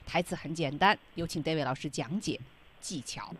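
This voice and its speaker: A woman's voice: low voice, moderate pace, slightly rough. A woman hosting a radio English lesson, chatting with the teacher and prompting him along. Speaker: radio host. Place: radio studio.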